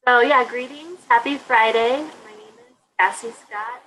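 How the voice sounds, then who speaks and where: A woman's voice: fairly high pitch, unhurried, fairly bright tone. A woman giving a short introduction in a virtual meeting. Her audio is distant and crackly and fades in and out. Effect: distant, crackly call audio that fades in and out. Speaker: program manager. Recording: far from the mic over a weak connection.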